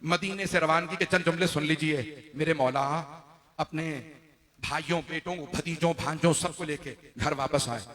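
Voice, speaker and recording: A man delivering a mourning sermon as a dramatic story, his fairly high voice sharp and forceful. He speaks straight to the gathering and swells into loud, wailing calls. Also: moderate pace, long reverb tail. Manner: addresses the gathering directly. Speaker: preacher.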